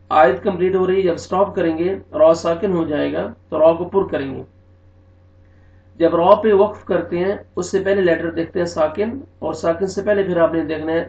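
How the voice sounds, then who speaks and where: A man teaching tajweed, slowly drawing out recited words and then explaining the pronunciation rules more plainly. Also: a little high, a little mellow. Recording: echoey, distant, dull recording.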